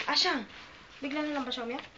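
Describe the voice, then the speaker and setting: A woman, a parent comforting a crying relative, coaxes and pleads, asking the same questions over and over. Her high voice moves fast, with a crowd in the background. It was captured at home on a handheld camera mic, producing muffled, noisy home video.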